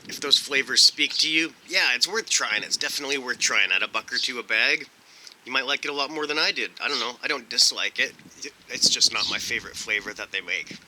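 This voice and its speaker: A man's voice: mid-range voice, a little fast, sharp tone. A man hosting a casual snack review vlog outdoors, talking in a laid-back, rambling way as he thinks aloud. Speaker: food review host. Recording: windy outdoor recording. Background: wind noise.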